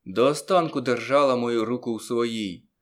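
A man narrating a first-person story aloud as an audiobook reader, in a lively storytelling manner that stretches some words slowly for effect. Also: medium pitch.

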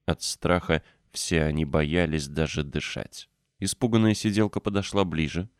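A man reads a children's story aloud with expressive storytelling. His voice sits very low, and the recording is dry and close, with no room sound. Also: moderate pace, no room sound. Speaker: audiobook narrator. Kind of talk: scripted narration.

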